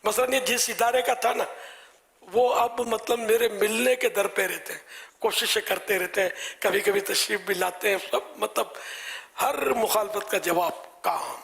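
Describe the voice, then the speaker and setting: A man giving a live religious talk with soft-spoken advice, often dropping to a whisper. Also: high-pitched, steady tone, creaky, long reverb tail. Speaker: religious scholar.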